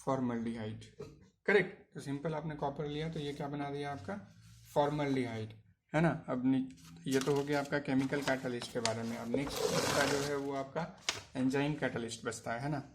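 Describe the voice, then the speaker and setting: A man teaching a chemistry lesson in Hindi, mixing in English terms. He keeps asking the class questions, answers them himself, and fills pauses with hesitations. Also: mid-range voice, steady tone, noisy background. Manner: asks questions then answers them, frequent "है ना" tags; hesitant fillers. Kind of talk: online chemistry lecture.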